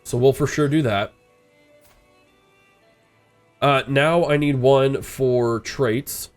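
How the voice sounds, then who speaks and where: Speaking slowly in a medium pitch, a man with a stuffed-up nose rambles through casual let's-play commentary as he plays a strategy game. He thinks aloud and fills gaps with frequent "uh"s, while faint music plays behind him.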